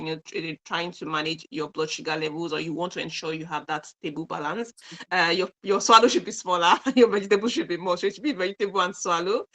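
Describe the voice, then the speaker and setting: A man's voice: high-pitched, sharp tone. A man explaining healthy eating in a practical, patient way, with many "you know" fillers and light chuckles. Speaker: health and nutrition advisor.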